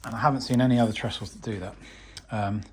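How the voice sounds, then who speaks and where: A man's voice: fairly low pitch, fairly even intonation, quick pace, husky. A man talking casually to camera as a DIY vlogger, chatty and self-deprecating.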